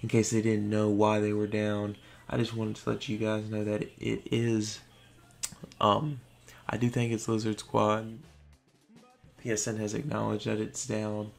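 A tired man hosting his gaming channel, talking casually in a low-key monotone over gameplay late at night and now and then tripping over his words. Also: creaky.

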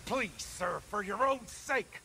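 An actor playing a frantic frontier town crier in a western video game, calling out loud, drawn-out warnings over outdoor ambience. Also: male voice, high voice, creaky, slight background noise, exaggerated voice. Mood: frantic, urgent.

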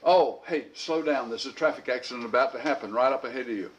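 A man's voice: medium pitch, fast talker, voice pushed down, close to an everyday voice, poor audio. A man voicing a friendly Jesus speaking from a GPS app. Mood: advising. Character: adult male Jesus talking through a phone GPS app.

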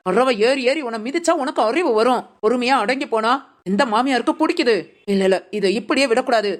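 A woman doing a high-voiced cartoon village friend, indignant and protective. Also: lively intonation, fairly quick, lightly acted. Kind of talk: cartoon voice acting.

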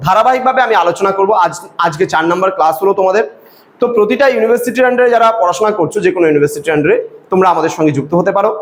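Male teacher, high voice, fast talker, patient step-by-step explainer, echoey room sound. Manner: explaining step by step, repeating examples with rhythmic recitation. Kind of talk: online lecture. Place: coaching class recording.

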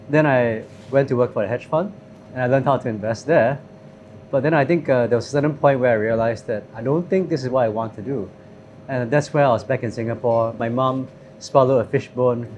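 A man in his thirties speaking in a thoughtful, measured way with fillers, interviewed at a restaurant table. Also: medium pitch, a little mellow, slight background noise. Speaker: company CEO. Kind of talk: interview conversation.

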